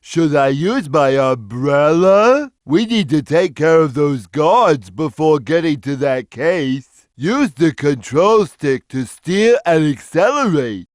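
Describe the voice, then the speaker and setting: Slow, gentle, big cartoon cat, Big the Cat. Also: male voice, a little high, lively intonation, no room sound. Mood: helpful, calm. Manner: slow, simple, earnest delivery. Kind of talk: video game character lines.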